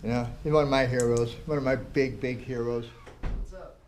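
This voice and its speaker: A man's voice: mid-range voice, fairly even intonation, normal speed, darkish tone, a little hiss or hum. An older man, a tattoo artist, telling blunt, profane stories and acting out what people said. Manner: profane, blunt storytelling with acted-out quotes. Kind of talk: storytelling interview.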